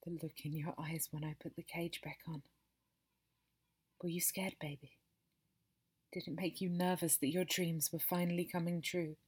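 A woman softly narrating an intimate monologue to the listener, breathy and slipping into whispers, tender and possessive in manner. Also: lowish voice, level tone, moderate pace, pauses often. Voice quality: breathy and soft. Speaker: narrator of an intimate audio story.

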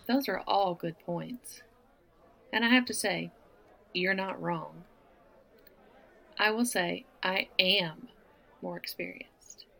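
Over a low-quality recording, a woman's low, creaky, bright voice comes through with a forceful tone. Southern-accented and laughing often, she teases and flirts with a stranger at a bar in one-sided roleplay audio.

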